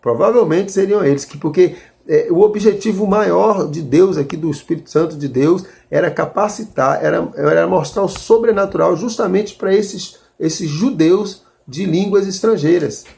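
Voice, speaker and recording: A man's voice: high-pitched, normal speed, creaky, a little mellow. A man preaching a sermon, reading scripture and explaining it in an earnest way, calling his listeners brothers and restarting as he reasons aloud.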